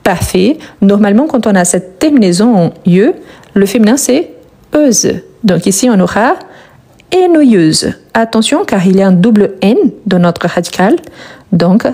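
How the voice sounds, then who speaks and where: A woman's voice: medium pitch, animated, moderate pace, mellow. A woman teaching a live online French lesson, patiently repeating each word and praising her students' answers. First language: Portuguese.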